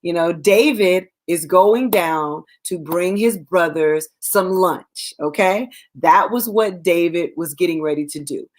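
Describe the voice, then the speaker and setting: A woman's voice: fairly low pitch, unhurried, few pauses. Woman teaching scripture conversationally. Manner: conversational, acts out scripture with quoted voices. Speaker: Bible teacher and web show host. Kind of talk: casual Bible teaching.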